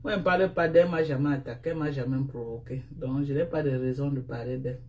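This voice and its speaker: A woman's voice: very deep voice, fast, a little mellow. A woman with a Cameroonian French accent chatting casually on a live stream, speaking into a phone. She teases and scolds in repeated refrains. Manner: repetitive, teasing, scolding refrains.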